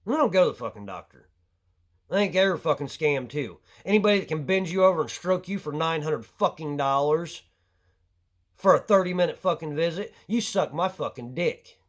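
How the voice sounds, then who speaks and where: A man's voice: a little high, expressive, a little fast. A man venting his anger in a crude, heavily profane monologue to camera. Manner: angry, crude and swearing heavily. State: short of breath at times. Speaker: vlogger.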